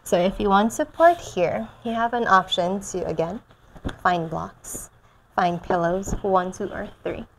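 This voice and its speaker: A young woman teaching restorative yoga and guided meditation in a soothing, gentle manner. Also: medium pitch, a little slow, slight background noise, poor audio. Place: large bare indoor room with concrete floor. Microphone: chest-worn mic.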